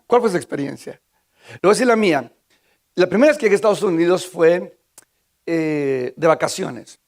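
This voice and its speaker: Man, sermon, high voice, conversational, questions to the congregation, restarts words. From Guatemala. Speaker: pastor.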